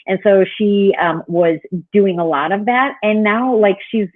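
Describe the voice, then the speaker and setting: A woman's voice: medium pitch, a little slow, no room sound. A woman life coach interviewing a client over a video call, upbeat and encouraging with many fillers, her voice tinny and glitchy through the call audio. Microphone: online call. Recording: dry, narrow phone-like call line.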